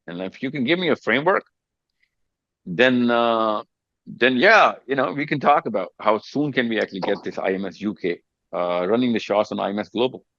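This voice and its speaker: A man leading a video call meeting, coaching his team in an emphatic, animated way and calling people "buddy". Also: medium pitch, normal speed, no room sound, muffled recording. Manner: emphatic, calls people buddy, repeats words.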